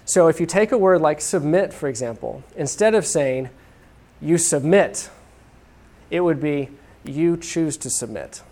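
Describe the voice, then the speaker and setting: A man's voice: fairly high pitch, expressive, a little slow, a little mellow. A man preaching a sermon to a congregation in a casual, conversational way, often checking in with "okay?". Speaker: pastor. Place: church room with congregation.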